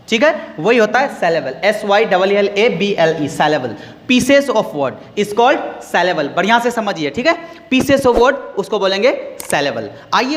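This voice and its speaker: A man's voice: extremely high pitch, a bit bright, in a large hall, a little hiss or hum. A man teaching an English grammar lesson, explaining patiently, repeating key words and putting questions to his students.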